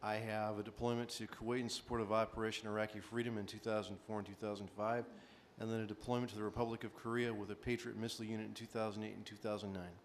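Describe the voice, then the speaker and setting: A man answering as a panelist in a brisk, matter-of-fact way. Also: fairly low pitch, little pitch movement, a little hiss or hum. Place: conference hall.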